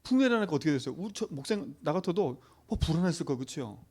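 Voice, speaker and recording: A man's voice: fairly high pitch, lively intonation, racing, mellow, breathy edge. A man preaching a sermon to a youth service, emphatic, who keeps asking the congregation short questions for agreement. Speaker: pastor.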